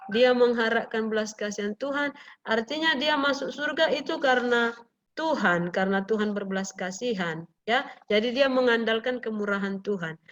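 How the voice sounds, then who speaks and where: Higher-voiced woman teacher, lively questioning, muffled lo-fi call audio. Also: normal speed. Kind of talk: online class lesson.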